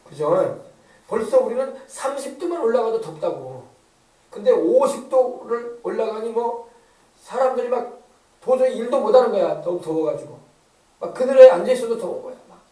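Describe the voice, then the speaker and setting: A man's voice: extremely high pitch, expressive, normal speed, mellow, roomy sound, far from the mic, rough recording. A male pastor preaching an emphatic sermon, often asking the congregation to agree. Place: church sanctuary.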